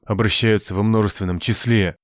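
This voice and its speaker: A gruff, quick-to-rage sea captain with a low, rumbling voice, barking and grumbling his lines in an audiobook tale, as a male narrator puts him on. He sounds dry and close to the mic. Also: fairly even intonation, no echo, close to an everyday voice. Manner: growling, barking. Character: gruff coarse male ship captain, hot-tempered noble.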